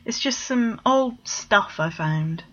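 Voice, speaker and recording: A woman's voice: mid-range voice, animated, slow pace, pitched above the performer's own voice. A woman voicing a nervous young man who covers up a secret and then coaxes his brother, on a dull lo-fi recording. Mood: flustered. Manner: flustered, evasive, then teasing.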